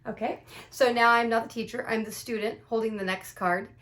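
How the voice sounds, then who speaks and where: A woman teacher talks through a classroom icebreaker in an upbeat, explanatory way. Her voice sits on the higher side, and she acts out the examples as she goes. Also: steady tone, fairly quick, fairly bright tone. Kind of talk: instructional explainer video.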